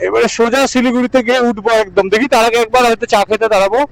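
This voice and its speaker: Riding a motorbike on the highway, a motovlogger chats casually through his travel vlog, coaching his pillion with short, repeated instructions. His extremely high voice is gravelly, rapid-fire and steady in tone, on a dry, low-quality recording.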